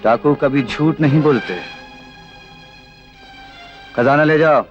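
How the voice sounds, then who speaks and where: A cold bandit chief. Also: male voice, a little high, slow, muffled recording, over music. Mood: commanding. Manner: curt, commanding. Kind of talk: 1980s film acting.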